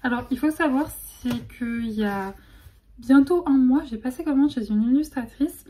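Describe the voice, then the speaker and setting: Young woman vlogger, kinda high voice but mellow, chatty and excited, lots of euh and restarts. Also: normal speed. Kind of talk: casual vlog chat.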